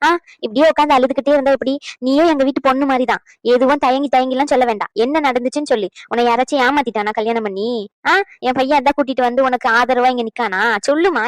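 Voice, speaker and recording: A woman voicing a sharp-tongued, caring mother-in-law in a cartoon, scolding and coaxing. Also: sits high, dry recording, lightly acted, poor audio. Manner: scolding, fast and bossy. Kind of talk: cartoon dubbing.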